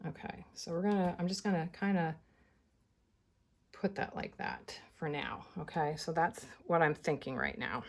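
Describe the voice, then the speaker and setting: A woman's voice: low-pitched, animated, moderate pace. A woman teaching scrapbooking in a casual, chatty tutorial, thinking aloud as she works and a little out of breath. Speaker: scrapbooking instructor.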